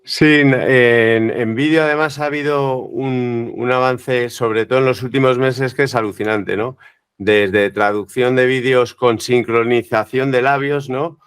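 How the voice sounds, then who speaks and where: A man's voice: medium pitch, steady tone, unhurried, clean tone. A man who hosts the interview, asking long questions with frequent "¿no?" tags. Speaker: interviewer host. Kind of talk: interview conversation.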